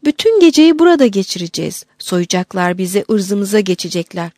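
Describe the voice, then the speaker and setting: A woman's voice: medium pitch, very animated, fairly quick, darkish tone, no echo, clean studio sound, natural voice. A woman voicing an elderly abbess who is frightened and fussy, wailing in panic. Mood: panicked.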